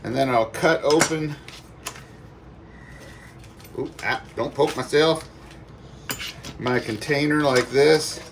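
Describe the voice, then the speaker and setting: A man's voice: on the high side, slow pace, pauses often. Folksy man cooking, recorded at a distance. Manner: folksy, playful sound words and exclamations. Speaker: home cook presenting a cook-along. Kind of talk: casual cooking demonstration. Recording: distant mic, faint background noise.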